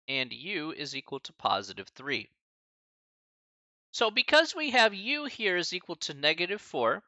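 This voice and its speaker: A man's voice: high-pitched, no echo. A man in his early forties, a college math instructor, teaching a live-streamed lecture and chatting with viewers between steps. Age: 40s. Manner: lively, chatty asides to chat, laughs often.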